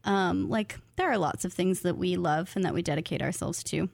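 Appearing as an interview guest on a podcast, this creative nonfiction grad student and writer in her thirties speaks in an informal, earnest, enthusiastic and reflective way. Her voice is lowish and gravelly, moving at a moderate pace, in clean studio sound with no room sound.

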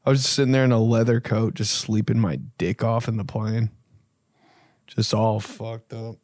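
A man's voice: fairly low pitch, little pitch movement, normal speed, darkish tone, dry recording, clean studio sound. A young man hosting a podcast, answering listener questions in a laid-back, rambling, profane way. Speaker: podcast host. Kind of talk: casual podcast chat.

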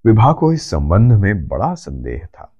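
Male narrator, deep, lively intonation, unhurried. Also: slightly rough, lo-fi sound. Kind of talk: scripted storybook narration.

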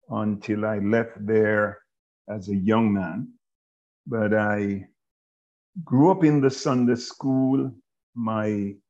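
A Jamaican man in his sixties talks as a guest in a fairly low voice, slow and measured, pausing often between phrases. The recording is dull and lo-fi. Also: a little mellow. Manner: measured and halting, with many pauses. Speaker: guest, bishop and author. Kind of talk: casual interview talk.

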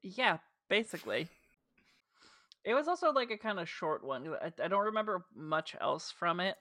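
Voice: medium pitch, animated, normal speed, pushed and bright, dry recording, clean studio sound. A podcast co-host with a New Jersey accent, chatting casually and retelling scenes with lots of "like" fillers. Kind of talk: casual chat recapping a show.

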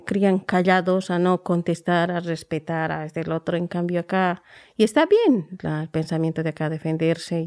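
Gravelly woman in her forties. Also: fairly low pitch. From Bolivia. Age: 40s. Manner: soft-spoken, reflective, halting with fillers. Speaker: interviewee. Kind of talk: personal storytelling interview.

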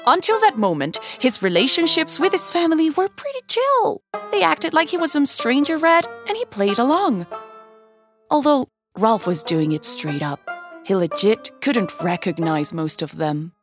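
A woman narrating a children's story in a playful, slangy way. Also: mid-range voice.

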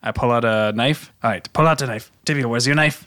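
A man playing a tabletop game in character, giving instructions in halting, formal phrasing. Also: mid-range voice, a bit bright. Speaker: player. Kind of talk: in-character tabletop role-play.

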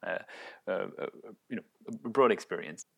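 Low-voiced French-accented man. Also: lively intonation, moderate pace, creaky, a bit bright. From France. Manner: hesitant, many restarts and fillers. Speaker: guest, company founder. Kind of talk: casual interview.

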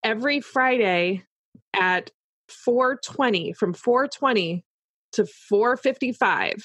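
A woman's voice: fairly high pitch, slow pace, fairly bright tone, slightly rough, no echo. A woman in casual, explanatory conversation, talking through examples as if voicing her own thoughts.

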